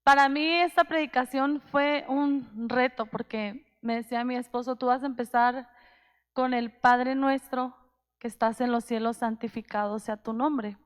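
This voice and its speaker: A woman's voice: a little high, fairly even intonation, a little slow, smooth. A woman in her thirties, a pastor giving a heartfelt sermon and telling a personal story with many restarts. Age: 30s. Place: church hall. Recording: long reverb of a church hall.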